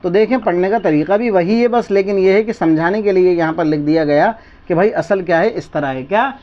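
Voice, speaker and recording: A man teaching Quran reading step by step, asking questions and repeating each word slowly for the listener. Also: sits high, dull audio. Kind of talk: step-by-step lesson with call-and-response questions.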